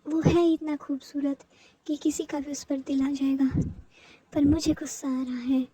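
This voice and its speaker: A woman's voice: high voice, fairly even intonation, a little slow, dark tone, no room sound, low-quality recording. A woman voicing a possessive, obsessive older male teacher who broods, schemes and turns controlling. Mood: jealous.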